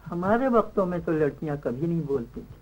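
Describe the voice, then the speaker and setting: An actor playing an older, old-fashioned elder who coaxes and reproaches a daughter. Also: male voice, a little high, expressive, a little fast, rough recording. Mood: coaxing. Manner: coaxing and reproachful.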